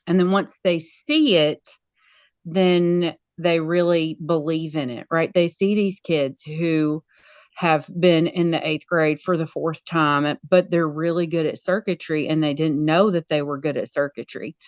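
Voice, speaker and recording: A woman, a school media specialist, talking casually as an interview guest in an animated way. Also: low voice, unhurried, no echo, dull audio. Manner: animated, acts out quoted voices.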